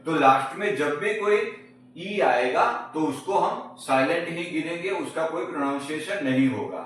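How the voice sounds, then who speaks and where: Guy teaching a slow lesson, kinda high voice, spells stuff out and asks questions, faint hiss. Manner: slow, spells out words and repeats rules; asks rhetorical questions to the viewers. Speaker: English teacher. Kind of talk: spoken language lesson. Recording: echoey room, mic at a distance, faint noise.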